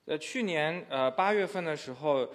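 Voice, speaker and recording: This man's voice runs a little high and moves at a normal speed. He's translating a sermon aloud in a church hall with echo, hesitating often and leaning on lots of fillers.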